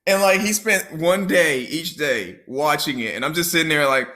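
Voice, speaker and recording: A man's voice: on the high side, animated, moderate pace, bright, forceful tone. A young man chatting casually on a podcast, swearing freely and acting out quotes with lots of laughter. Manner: profane, laughs a lot, acts out quotes. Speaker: podcast host. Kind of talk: casual chat.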